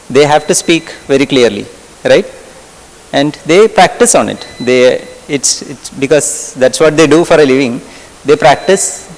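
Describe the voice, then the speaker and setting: A middle-aged man from Kerala with a Malayali English accent, giving a conversational workshop lecture and putting questions to his audience. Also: mid-range voice. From Kerala, India. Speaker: medical lecturer. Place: lecture hall. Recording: lecture hall reverb.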